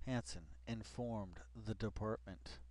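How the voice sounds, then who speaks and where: A man with a lowish, slightly mellow voice reads an article a little slowly, layering in profane, offhand commentary, muttered asides, and exasperated repetitions. The rambling read-along comes through on a low-quality recording.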